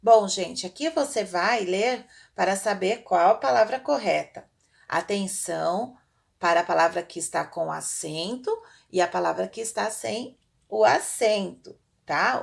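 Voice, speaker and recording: A woman's voice: medium pitch, gravelly, slightly rough. A woman teaching a recorded class lesson, patient and drawing out her example words.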